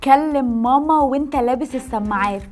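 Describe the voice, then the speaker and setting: A woman's voice: high voice, fairly quick, a little mellow, soft background music. A young woman with an Egyptian accent, hosting a challenge vlog in casual chat. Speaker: host.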